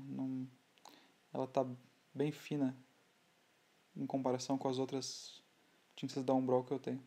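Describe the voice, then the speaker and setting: A Brazilian man talks through a model-building tutorial at his workbench. His voice is dark and mellow, at a middle pitch. He is relaxed and unhurried, stopping to restart his phrases. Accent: Brazilian Portuguese. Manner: relaxed, halting, with many restarts. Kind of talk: hobby tutorial voice-over.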